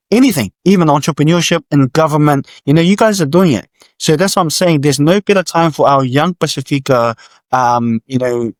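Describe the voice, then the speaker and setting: A man's voice: a little high, no room sound. A man who grew up in Samoa and New Zealand, a guest entrepreneur on a podcast, speaking earnestly and encouragingly in casual interview talk. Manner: earnest, encouraging, repeats words.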